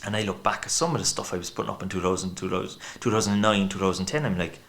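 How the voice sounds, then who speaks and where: Very fast and steady in tone, this deep, slightly bright male voice belongs to a podcast guest from Ireland. He has a thick Cork accent, rambles at length in casual chat, and acts out the voices in his stories.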